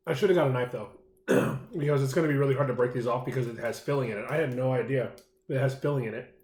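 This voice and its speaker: The man's food-challenge vlog is casual and solo, his speech fast, filler-heavy and eager, sometimes muffled by a full mouth while eating. He has a medium-pitched, darkish voice, and the sound is roomy.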